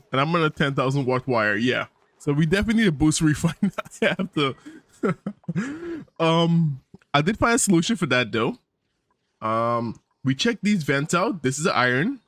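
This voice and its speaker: A man's voice: mid-range voice, fairly bright tone, no echo. Upbeat man rambling over gameplay. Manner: rambling, upbeat, thinks aloud with fillers and small laughs. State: tired morning voice. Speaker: gaming channel host. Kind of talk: casual let's-play commentary.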